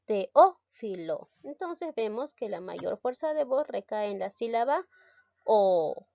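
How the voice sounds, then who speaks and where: A woman's voice: a little high, mellow, no room sound. A woman teacher explaining grammar rules step by step, posing rhetorical questions as she goes. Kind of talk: recorded grammar lesson. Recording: dry, slightly dull recording.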